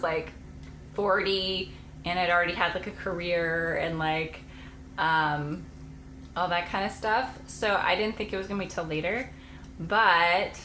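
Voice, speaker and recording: A woman's voice: fairly low pitch, sharp tone, echoey room, slight background noise, rough recording. A woman in her late twenties, a homeschooling mom vlogger, chatting casually and rambling to camera with frequent laughs. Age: late 20s.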